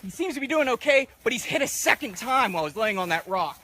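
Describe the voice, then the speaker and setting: High, bright-voiced man telling history. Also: fast talker, poor audio. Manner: steady narrative storytelling with fillers. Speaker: battlefield historian. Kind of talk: storytelling history talk. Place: outdoors in a field.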